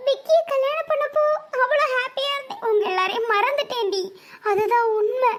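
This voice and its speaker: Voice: very high voice, fairly even intonation, fairly quick, a bit bright. A performer voicing a tearful young bride, talking in sobbing complaints. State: crying. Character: tearful young bride facing a second marriage.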